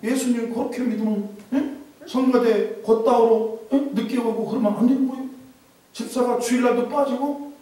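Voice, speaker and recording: A male pastor from Chungcheong preaching a lively, humorous sermon to his congregation. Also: extremely high pitch, moderate pace. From Chungcheong, Korea. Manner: animated preaching with humor and mimicked dialect. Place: church sanctuary. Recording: echoey church hall from a distance.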